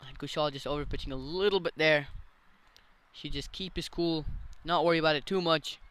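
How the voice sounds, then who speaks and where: A man giving live ball-by-ball cricket commentary as a commentator who gets excitable at big moments. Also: a little high, brisk, clean tone.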